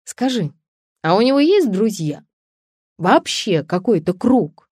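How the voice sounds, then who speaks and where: A frank, teasing female best friend who speaks her mind, as a woman reads her. Her voice sits at a middle pitch. The audiobook sound is dry and close. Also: big pitch swings, slow, a little mellow, husky, dry recording, heavily acted. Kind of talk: audiobook character voice.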